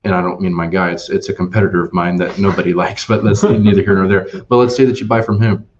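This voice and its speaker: A man, an RV salesman appearing as a guest on a webinar, tells customer stories and makes his sales pitch in an animated, emphatic way with many restarts. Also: fast talker, slight background noise. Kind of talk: storytelling sales talk. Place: Ohio dealership office. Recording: dull lo-fi webinar audio.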